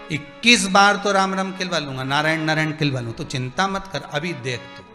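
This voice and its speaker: Male preacher, fairly high, bright voice, live sermon in a reverberant hall with music under it. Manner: animated, acts out dialogue and asks the crowd questions. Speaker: religious storyteller. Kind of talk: devotional sermon with storytelling.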